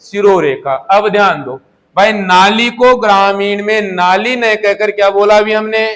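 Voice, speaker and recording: Male teacher, high voice, unhurried; quizzes the class and answers himself, drills key words. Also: fairly bright tone. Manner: asks questions and answers them himself, repeating key words. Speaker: Hindi teacher. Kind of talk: classroom lesson. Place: coaching classroom.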